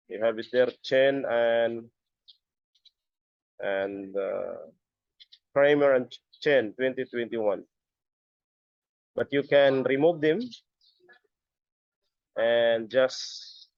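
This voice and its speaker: A middle-aged man giving a step-by-step software tutorial as an instructor, halting and often repeating his words. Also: mid-range voice, dry recording. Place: busy area, on a video call or webcam setup. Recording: dull lo-fi audio.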